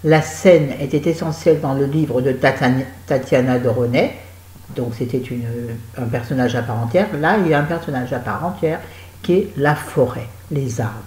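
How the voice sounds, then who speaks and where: A woman's voice: very deep voice, normal speed, a little mellow, reverberant, rough recording. A woman giving a chatty, digressive spoken book review, talking straight to her viewers.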